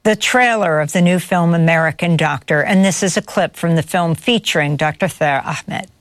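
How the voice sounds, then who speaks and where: A woman hosting a news program, introducing a film and guests in a measured, formal way. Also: lowish voice, soft background music. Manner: measured, formal delivery with occasional fillers. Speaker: news host. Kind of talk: broadcast news presenting.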